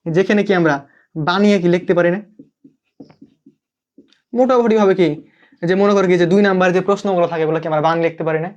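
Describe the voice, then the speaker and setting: Speaking fast in a high, slightly mellow voice with long pauses, a young Bangladeshi man leads an online English class live. He checks in with students constantly and asks them to comment, his Bengali accent clear. The highs are cut off in the audio.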